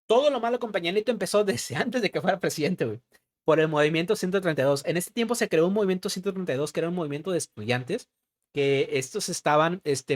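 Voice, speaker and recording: Young Mexican male co-host, slangy casual political banter, somewhat high pitch, dry close recording. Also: no room sound. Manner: slangy, peppers talk with "güey". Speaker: podcast co-host.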